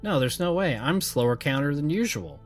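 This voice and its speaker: A man's voice: fairly high pitch, expressive, normal speed, soft background music, pitched above the performer's own voice, natural voice. A man doing an exasperated young trucker. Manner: exasperated, mild minced oaths. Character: frustrated young male truck driver, cursing mildly.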